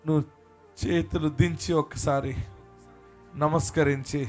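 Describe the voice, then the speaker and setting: A man preaching a sermon as pastor, swinging from quiet reassurance into impassioned shouted prayer. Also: on the high side, level tone, a little slow, faint music behind.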